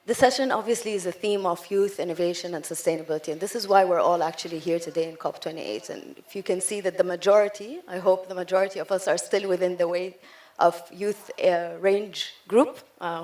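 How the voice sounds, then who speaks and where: Woman hosting a panel, lowish voice, upbeat and chatty. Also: a little mellow. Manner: upbeat, with fillers. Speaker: panel moderator. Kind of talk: moderating a panel.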